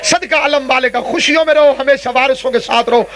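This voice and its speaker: A man delivers a mourning sermon in a very high, ringing voice. His oratory is impassioned and lamenting, and he slips into chanted verses. The tone is bright and sharp. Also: steady tone. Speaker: preacher. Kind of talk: mourning sermon at a religious gathering.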